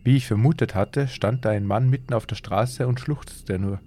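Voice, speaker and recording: A man hosting a podcast, reading a horror story aloud in a measured, suspenseful way. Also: mid-range voice, warm tone, slight background noise. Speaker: podcast host and story reader.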